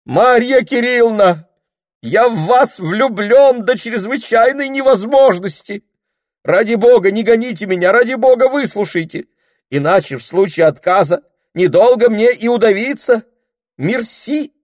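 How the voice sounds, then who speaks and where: A man's voice: on the low side, expressive, measured pace, no room sound, clean studio sound. A man reading aloud, voicing a lovesick young shop clerk who pleads in flowery words and breaks into shrieks. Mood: frantic.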